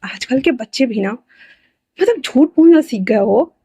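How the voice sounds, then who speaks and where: A woman's voice: sits high, animated, measured pace, warm tone, slightly rough, no room sound, exaggerated voice. A woman voicing a strict mother who scolds her two sons in a read-aloud fan story. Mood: scolding. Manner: scolding, bossy.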